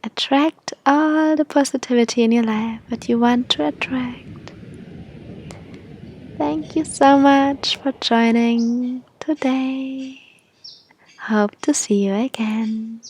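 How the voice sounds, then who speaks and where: High, slow, breathy female meditation guide. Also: a little mellow, slight background noise.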